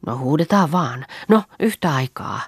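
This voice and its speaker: A woman's voice: deep voice, lively intonation, breathy edge, no echo, studio quality, exaggerated voice. A woman voicing a practical young farm girl who takes charge with short instructions. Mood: steady.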